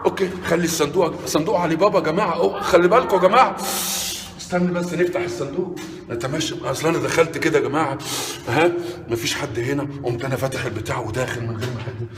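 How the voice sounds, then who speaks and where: A man with an Egyptian Arabic accent, a comic vlogger touring an old fortress, loud and excitable, cursing and acting scared, dropping in broken English. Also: fairly high pitch, rapid-fire. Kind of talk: comic vlog exploring a site. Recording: echoey hall with ambient noise.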